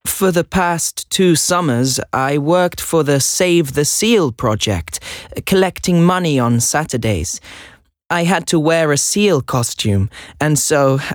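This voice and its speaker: An actor, a Swedish native, plays an earnest 16-year-old boy applying for a job in a scripted listening dialogue. His voice is fairly high and animated at a slow pace, with dry, close sound and no echo. He's hesitant and chatty, laughing nervously.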